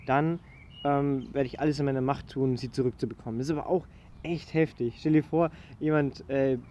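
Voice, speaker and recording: A man's voice: mid-range voice, fairly even intonation, a little fast, warm tone, lo-fi sound, slight background noise. A man in a casual study discussion, talking hesitantly with many fillers and restarts. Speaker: student discussing a historical document.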